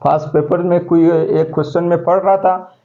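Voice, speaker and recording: A man's voice: fairly high pitch, flat delivery, normal speed. A male teacher, giving a classroom lecture step by step and asking his students questions as he goes. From Pakistan. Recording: dull lo-fi classroom recording.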